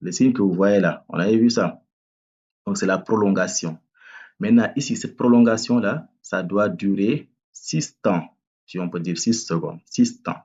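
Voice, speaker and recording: A man teaching tajwid, patiently breaking down each word and repeating it slowly to correct common student mistakes. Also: on the low side, darkish tone, husky, lo-fi sound. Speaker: Quran recitation teacher. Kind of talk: tajwid lesson with demonstrated recitation.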